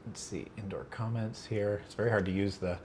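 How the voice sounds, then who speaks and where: A man's voice: lowish voice, fairly even intonation, a little fast, darkish tone, a little hiss or hum. A man hosting a casual livestream Q&A, rambling with lots of fillers and restarts, fighting allergies. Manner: rambling, filler-heavy, self-correcting. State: allergies, about to sneeze. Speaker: livestream host answering chat.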